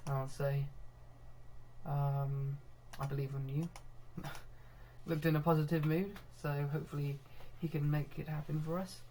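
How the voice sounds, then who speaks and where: A young man commentating live on his own football management game, getting excitable when goals come and laughing at himself. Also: fairly high pitch, unhurried, a little hiss or hum. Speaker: gaming video host.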